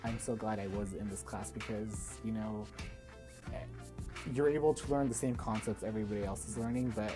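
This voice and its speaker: Very low-voiced female student, music behind. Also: steady tone, normal speed. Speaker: college student. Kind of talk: documentary interview. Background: background music.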